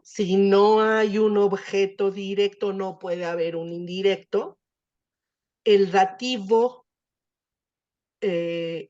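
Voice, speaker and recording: A woman's voice: mid-range voice, mellow, dull audio. A woman teacher explaining Latin grammar in an online class, patient and full of fillers.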